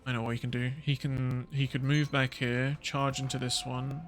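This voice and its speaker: A man's voice: mid-range voice, little pitch movement, normal speed, soft background music. A man streaming a strategy game, thinking aloud and muttering his moves in casual commentary.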